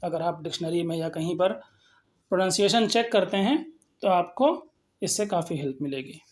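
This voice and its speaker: A woman's voice: lowish voice, animated, normal speed, darkish tone, slight background noise. A woman teaching phonetics in a recorded lesson, explaining patiently and repeating example words. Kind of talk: recorded lecture with slides.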